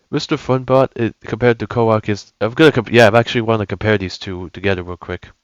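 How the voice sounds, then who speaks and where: A man's voice: on the low side, fairly even intonation, moderate pace, muffled recording, heavy background noise. Rambling young man commenting on a game. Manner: rambling, self-correcting, enthusiastic. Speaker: gaming YouTuber. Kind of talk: casual gameplay commentary.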